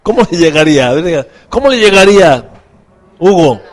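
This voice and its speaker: A man's voice: fairly high pitch, sing-song, brisk. A man preaching a sermon as pastor, asking the congregation questions and acting out quoted voices.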